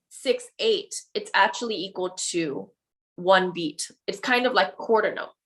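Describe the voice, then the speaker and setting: A woman's voice: mid-range voice, fairly bright tone. A woman piano teacher giving a music theory lesson to her students, explaining patiently and checking in often with "okay?" and "right?".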